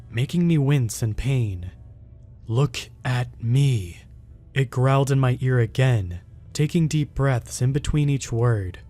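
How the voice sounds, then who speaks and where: A man's voice: medium pitch, mellow. Man reading a horror story over music. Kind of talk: scripted horror narration.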